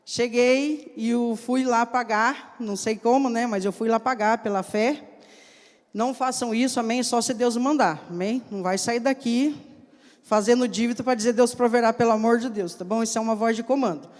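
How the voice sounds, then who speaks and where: A woman preacher giving a sermon with personal testimony, telling her stories slowly and emphatically and acting out the dialogue in them. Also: a little high, steady tone, darkish tone. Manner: slow, emphatic storytelling. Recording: long hall reverb.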